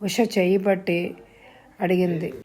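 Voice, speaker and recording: A woman's voice: fairly low pitch, level tone, unhurried, darkish tone. A woman narrating an audio novel, voicing the dialogue with feeling. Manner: voices dialogue with rising emotion.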